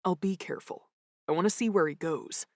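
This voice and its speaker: A woman voicing a calm, wry man who speaks low and quiet. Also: fairly quick, dry recording, studio quality, close to an everyday voice. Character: man, brother's best friend, calm and wry.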